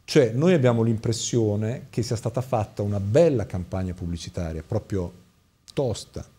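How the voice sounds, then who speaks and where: A man's voice: fairly low pitch, animated, moderate pace, mellow, slightly rough. A man speaking as a doctor and studio guest on a talk show, critical and hesitant, with many fillers.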